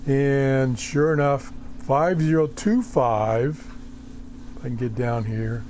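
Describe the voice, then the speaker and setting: A man giving casual, off-the-cuff commentary while tuning in a shortwave radio, halting and muttering to himself with folksy exclamations. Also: medium pitch, a little mellow, a little hiss or hum. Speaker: radio hobbyist demonstrating a shortwave receiver. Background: shortwave radio being tuned in.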